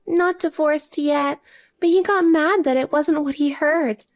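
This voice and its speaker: Whiny, desperate older sister, high-pitched and pleading, as a woman reads her. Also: steady tone, a little slow. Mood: self-pitying.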